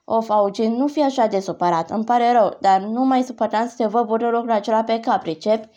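A woman reading the lines of a gentle, teasing middle-aged father in an audiobook. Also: fairly high pitch, dull audio, lightly acted. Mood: earnest.

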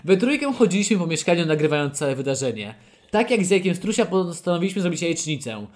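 A man's voice: sits high, big pitch swings, quick pace. A young man hosting a podcast, reading a fan story aloud with playful, mock-dramatic quotes and frequent laughter. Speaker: podcast host.

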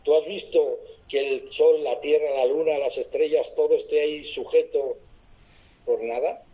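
A man's voice: on the high side, fairly even intonation, measured pace, muffled recording. A man from giving a spiritual talk, often asking his listeners rhetorical questions. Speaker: spiritual speaker.

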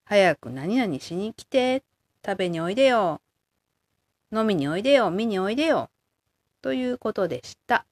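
A woman hosting her own short language-learning show, explaining words patiently with frequent pauses and fillers. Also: medium pitch, expressive, no room sound. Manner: slow, patient explanations with drawn-out example words; frequent filler "eh" before points. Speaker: language learning podcast host. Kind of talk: casual solo language lesson.

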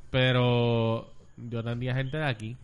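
A man's voice: medium pitch, flat delivery, unhurried, clean tone, highs cut off. A Puerto Rican man who works in a call center, talking bluntly and with lots of swearing in a casual chat. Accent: Puerto Rican Spanish. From Puerto Rico. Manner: blunt and profane, mixes in English.

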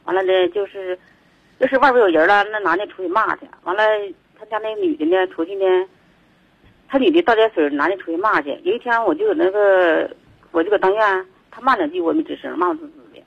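A man's voice: sits high, sing-song, fast, vocal fry, breathy edge, dry recording. A man calling in to a radio show, talking in a rambling, agitated way and repeating himself over a muffled phone line. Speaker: caller.

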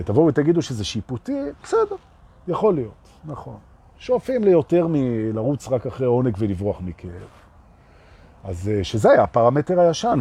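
A man giving a live spiritual talk. He moves between slow, emphatic teaching and playful, self-mocking jokes. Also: mid-range voice, mellow, breathy edge.

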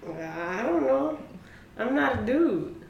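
A woman in casual chat, chiming in with soft, puzzled remarks. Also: high voice, big pitch swings, takes it slowly, creaky, echoey room, highs cut off, slight background noise.

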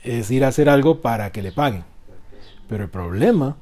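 A man delivers a sermon in call-and-response with his listeners. His voice is dark and mellow at a medium pitch. He rises loud for emphasis and then falls soft. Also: brisk. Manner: animated, swings loud and soft. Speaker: preacher.

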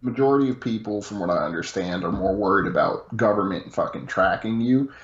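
A man's voice: lowish voice, expressive, brisk, roomy sound, lo-fi sound. A man in casual chat, joking crudely and asking lots of questions.

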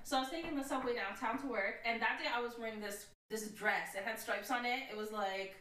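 A woman's voice: a little high, brisk, bright, forceful tone. A woman co-hosting a podcast in casual chat, laughing often as she talks. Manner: giggly, laughs often mid-sentence. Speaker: podcast co-host. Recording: echoey room, distant mic.

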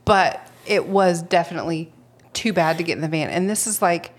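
A woman co-hosting a podcast who tells stories in casual chat, animated and laughing often. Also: on the low side, moderate pace. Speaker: podcast co-host.

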